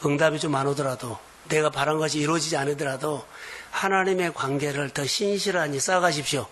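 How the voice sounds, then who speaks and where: A man preaching to his church in a fairly high voice, leaning on slow, emphatic phrases. He speaks as a pastor to his congregation. A faint hiss of room noise sits behind him. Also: steady tone, fairly bright tone. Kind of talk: sermon. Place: church sanctuary.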